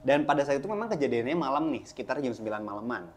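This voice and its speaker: A man's voice: medium pitch, expressive, very fast, a little hiss or hum. A man telling a horror story in a casual, chatty way, addressing his listeners directly.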